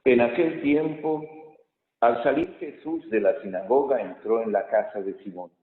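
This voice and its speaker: With a mid-range voice, a priest reads the Gospel at Mass and then delivers a homily, speaking in a measured way with thoughtful pauses and fillers. The large church surrounds him with a cathedral echo, and the recording has a tinny, phone-like quality.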